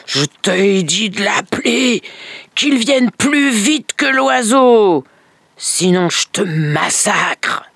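A cruel stepmother snaps out harsh threats, as a woman telling the tale puts her on. The voice is gravelly and unhurried, recorded close and dry. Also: medium pitch, expressive, fairly bright tone, no echo, voice pushed up, heavily acted. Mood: threatening.

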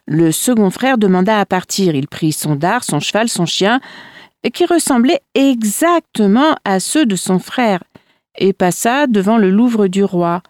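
A woman reading folk tales aloud in a measured, expressive storytelling manner. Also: medium pitch, dry recording, clean studio sound.

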